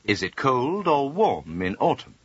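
A man's voice: medium pitch, big pitch swings, measured pace, a bit bright, slightly rough. A man asking scripted questions in a language-course dialogue. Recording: dull lo-fi audio.

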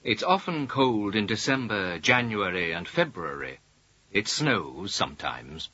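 A man speaking slowly and carefully in a scripted language-course dialogue. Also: fairly low pitch, sing-song, bright, forceful tone, no echo. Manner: slow, careful, clearly spaced delivery. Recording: dull lo-fi audio.

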